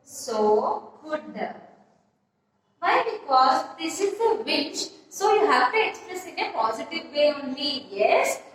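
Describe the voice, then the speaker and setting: A woman's voice: high voice, a bit bright, a little hiss or hum. A woman teaching an English grammar lesson, repeating points, spelling words out letter by letter and checking with "yes?". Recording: echoey room, voice from far off.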